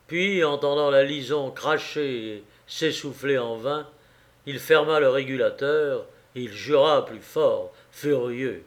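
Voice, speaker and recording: A man reading a classic novel aloud as an audiobook, in a measured, deliberate way. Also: mid-range voice. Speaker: audiobook narrator.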